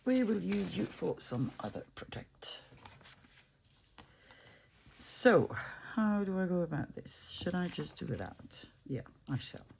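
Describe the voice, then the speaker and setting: Italian woman crafting on camera, low gravelly voice, mumbles to her paper bits, slow, faint noise behind. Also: sing-song, darkish tone. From France and Italy. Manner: muses aloud, talks to her craft pieces, drops into whispers. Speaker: craft vlogger. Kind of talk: casual talk-along while crafting.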